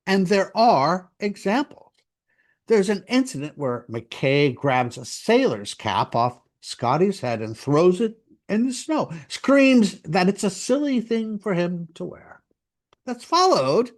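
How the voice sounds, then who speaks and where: A man narrating a true-crime story, conversational, with wry asides to the listener. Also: high voice.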